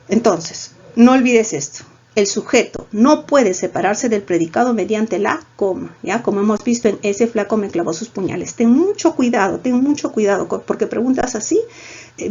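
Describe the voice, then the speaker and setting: Husky Peruvian woman teaching grammar. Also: a little high, dull audio. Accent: Peruvian Spanish. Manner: lively, coaxing, peppers lines with "¿ya?". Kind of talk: recorded grammar lesson.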